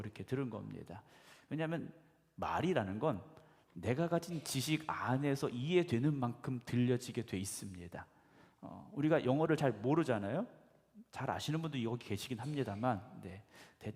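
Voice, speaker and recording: Gravelly-voiced pastor preaching in a reverberant church. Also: male voice, medium pitch, darkish tone. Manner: conversational, asks the congregation questions, frequent affirming "네". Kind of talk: sermon. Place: church sanctuary. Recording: echoey church hall.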